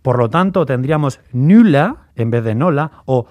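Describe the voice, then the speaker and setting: A man's voice: medium pitch, expressive, fairly quick, no room sound, highs cut off. A man explaining language points on a radio chat show in a didactic, example-driven way. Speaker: radio language segment contributor.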